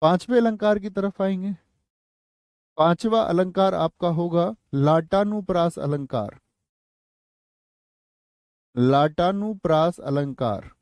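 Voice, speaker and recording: A male Hindi teacher with a North Indian accent, teaching an online exam-prep class. He repeats each phrase slowly for students to note down and slips into casual asides to them. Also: high-pitched, darkish tone, no echo, studio quality. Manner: slow, repeats phrases for dictation.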